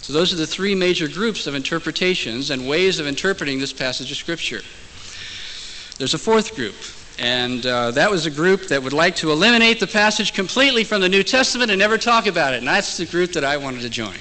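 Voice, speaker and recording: A man's voice: on the high side, animated, a little fast, sharp tone. A male pastor preaching a sermon in a church, telling stories with humor. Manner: storytelling, humorous. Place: church in Hong Kong. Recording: echoey church hall, faint tape hiss.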